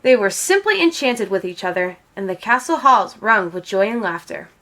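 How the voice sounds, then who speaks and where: A woman reading a children's storybook aloud as an expressive narrator. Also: mid-range voice, moderate pace. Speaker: storybook reader.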